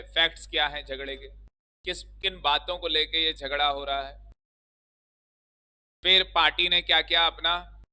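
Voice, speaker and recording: Male law teacher, very bright tone, slightly high, jokey with students, classroom mic. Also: low-quality recording. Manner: joking, teasing students, quizzing them. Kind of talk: classroom lecture with banter.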